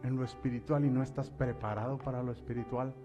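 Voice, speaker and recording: A man preaching a sermon as pastor, asking his listeners direct questions and building up to loud, emphatic passages. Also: fairly even intonation, quick pace, highs cut off, faint music behind. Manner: rises to loud, high-pitched preaching at climaxes.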